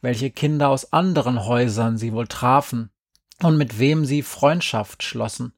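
Creaky-voiced male audiobook narrator. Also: medium pitch, a little slow, no echo, studio quality.

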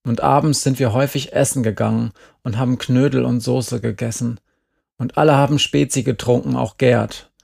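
A bitter teenage girl in an audiobook who speaks flatly and cuttingly, as a man reads her lines. The voice is gravelly and sits at an ordinary pitch, matter-of-fact even when the words hurt. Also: moderate pace. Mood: wistful. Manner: flat, cutting delivery. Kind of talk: audiobook character reading.

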